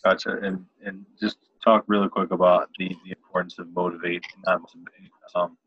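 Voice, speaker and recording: A man's voice: low-pitched, level tone, brisk, husky, dry recording. A man hosting a podcast, asking questions hesitantly with many fillers. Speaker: podcast host. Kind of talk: interview questions. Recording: dull dry sound.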